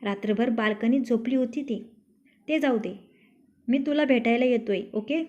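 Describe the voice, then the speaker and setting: A woman's voice: a little high, moderate pace, dark tone, natural voice. A woman voicing a rude, arrogant young husband in a storybook tale, speaking in a taunting, scolding way. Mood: fond. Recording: dull lo-fi recording.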